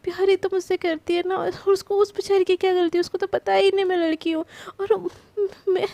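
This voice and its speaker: A woman's voice: very high voice, little pitch movement, brisk, vocal fry, warm tone, dry recording, voice pushed up. A woman voicing a brusque young woman who passes as a husband and snaps irritably. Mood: remorseful. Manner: irritable, scolding retorts.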